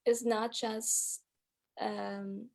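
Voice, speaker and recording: Speaking very slowly in a slightly high, gravelly voice with little pitch movement, a Hong Kong woman, interviewed as a guest musician, reflects on her answers. Her talk is full of hedging "um"s and "like"s.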